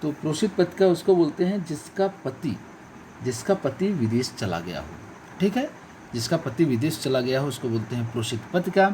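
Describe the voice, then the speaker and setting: Addressing viewers as friends and companions, a male coaching teacher runs an online exam-prep lesson where he emphasizes every key word and says the correct answer again. He sounds a little high, expressive, and warm, at normal speed with slight background noise.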